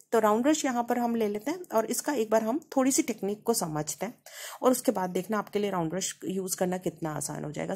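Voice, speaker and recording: A woman from India, speaking with an Indian accent, walks viewers through a painting lesson in a chatty, conversational way. Her voice is lively, rising and falling a lot as she explains. It has a slightly husky edge. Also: mid-range voice. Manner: chatty, repeats "है ना" to check in. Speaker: painting teacher. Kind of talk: casual tutorial explanation.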